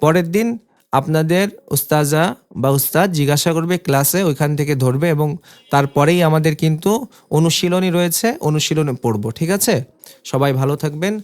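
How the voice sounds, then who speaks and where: A patient teacher in a recorded lesson, sounding out each letter and its vowel mark one by one. Each joined syllable is repeated several times in a slow, steady drilling rhythm, often lifted a little higher and louder than their plain talk. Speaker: Quran reading teacher.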